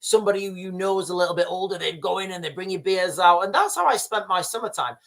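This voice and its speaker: Reading viewer comments on his livestream, a Yorkshire man talks fast in a high, expressive voice with vocal fry and a slightly bright edge. His casual commentary rambles, with phrases repeated and restarted, and he keeps addressing the audience as "guys."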